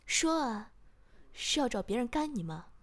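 A woman's voice: a little high, unhurried, husky. Woman whispering as a teasing, domineering man. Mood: teasing, bossy. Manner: teasing and bossy.

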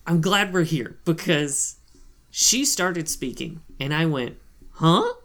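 A man's voice: fairly high pitch, lively intonation, slow, fairly bright tone. A man co-hosting a casual podcast chat, talking loosely with frequent fillers and asides. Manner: chatty, lots of fillers and asides. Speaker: podcast co-host.

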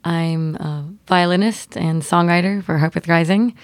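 A touring violinist and songwriter from Ontario, Canada, speaks with a North American accent, reflecting on her experiences in a personal storytelling style. Her fairly low voice is steady and measured, with no room sound, and a music bed runs beneath her.

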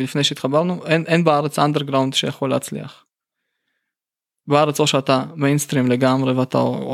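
Heard in a clean studio recording with no room sound, a musician from St Petersburg talks colloquially and openly in a casual interview. He has a Russian accent and a mid-range voice with vocal fry.

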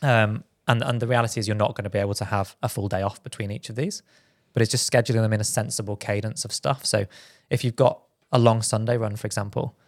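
A British man co-hosting a running podcast in casual chat, quick and full of restarts. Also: on the low side, steady tone, dry recording, studio quality. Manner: quick, with frequent restarts and fillers. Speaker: podcast co-host.

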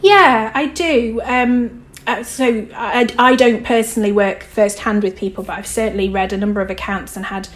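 A woman's voice: on the high side, fairly even intonation, normal speed, few pauses. A woman author and theologian answering interview questions in a reflective way, thinking aloud as she goes.

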